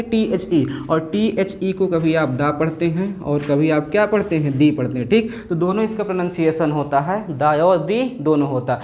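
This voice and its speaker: A man's voice: fairly high pitch, a little mellow. A male teacher leads a classroom grammar lesson in front of a board. He talks to the students in a question-and-answer rhythm, asking something and then answering it himself, and he says each key term more than once.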